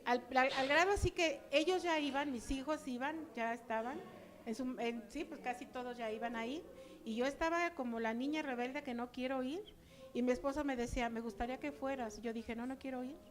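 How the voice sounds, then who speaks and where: A woman's voice: sits high, brisk. An older woman giving a chatty personal testimony to her church, acting out remembered dialogue.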